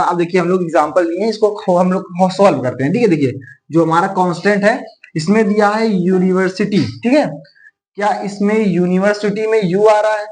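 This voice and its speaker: A young man with a notably high-pitched voice runs a basic grammar class in a relaxed explaining style. He asks a question, answers it himself, and punctuates nearly every point with a quick check-in. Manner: repeats "theek hai" and "dekhiye" often, asks and answers his own questions. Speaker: grammar teacher. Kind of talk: explaining a lesson.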